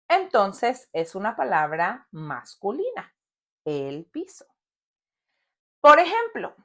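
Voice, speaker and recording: A woman's voice: fairly high pitch, a bit bright. A woman a bilingual lesson, patient, repeating words and asking the learner questions. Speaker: Spanish teacher.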